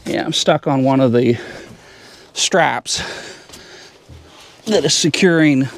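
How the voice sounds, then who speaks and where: A man's voice: medium pitch, slow. A man talking to the camera while working in a cramped attic, short of breath and muttering in bursts. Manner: talks in bursts between physical work, muttering frustration. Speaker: home DIY vlogger. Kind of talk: casual narration while working.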